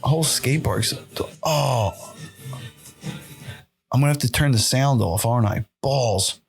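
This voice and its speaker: A young man hosting a podcast, reacting to videos in a loose, excitable, profanity-heavy way and laughing often into his podcast mic. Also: medium pitch, takes it slowly, gravelly, soft background music. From United States. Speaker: podcast host. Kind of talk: casual reaction commentary.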